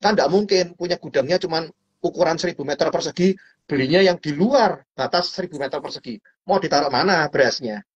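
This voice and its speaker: A man explaining stock trading in casual chat, animated and playful, acting out little scenes with sound effects. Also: a little high, a little fast, husky, highs cut off. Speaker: stock trading guest speaker.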